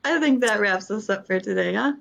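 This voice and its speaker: Gravelly, near-monotone woman co-host. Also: medium pitch, brisk, highs cut off. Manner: calm, flat, near-monotone delivery. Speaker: spiritual practitioner and co-host. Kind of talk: casual chat.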